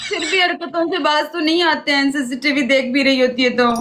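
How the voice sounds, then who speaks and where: A woman's voice: high voice, brisk, fairly bright tone. A woman streaming live, complaining in a sulky, tearful way during casual banter.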